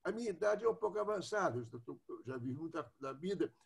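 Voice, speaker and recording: A man in his eighties, at home on a video call, asking a long rambling question with some halting restarts. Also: on the high side, lively intonation, creaky, slightly rough. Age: 80s. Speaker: club member asking a question.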